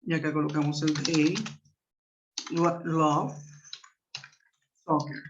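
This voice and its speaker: A man teaching an online class, explaining patiently, checking in with his students and reading example sentences slowly. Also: a little high, little pitch movement, noisy background. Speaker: English teacher. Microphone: computer mic on a web conference. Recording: muffled web-conference audio.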